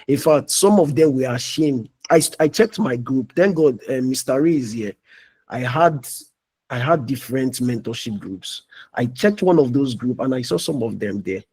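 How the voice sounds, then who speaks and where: A man's voice: mid-range voice, lively intonation, moderate pace, darkish tone, slightly rough. A young man giving a preachy motivational talk as a mentor in a live online meeting, often asking "you understand?".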